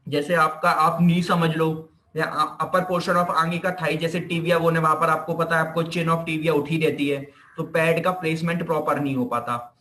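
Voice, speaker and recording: A physiotherapy teacher, a man with an Indian accent, speaks with a sharp tone and a slightly high pitch. In his informal classroom lecture in Hindi peppered with English terms, he repeats himself and supplies answers to his own questions, recorded in an echoey space.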